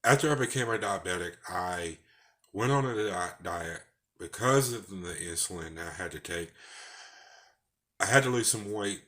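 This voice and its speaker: A man's voice: deep voice, lively intonation, moderate pace, fairly bright tone. A man with a Texas twang, talking in a rambling, folksy way in a casual personal vlog. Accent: Texan. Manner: rambling, folksy, with false starts. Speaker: vlogger.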